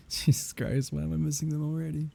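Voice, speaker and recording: In an intimate ASMR audio roleplay, a man plays a grieving lover bidding farewell to his dead beloved, speaking in a wry, tender, halting murmur. His low voice is husky, breathy, and gravelly, with a warm tone.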